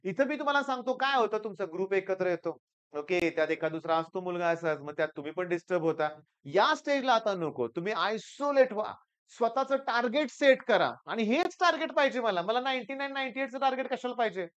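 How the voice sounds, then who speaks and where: A man from the Sangli region, an engineering maths teacher giving students an earnest, animated motivational talk. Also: sits high, fairly quick, clean tone, highs cut off. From Sangli region, Maharashtra.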